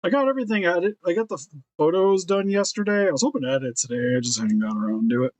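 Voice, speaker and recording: A man's voice: sits high, fast. Casual man chatting while customizing figures. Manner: relaxed, thinking aloud while sculpting. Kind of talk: casual work-along chat.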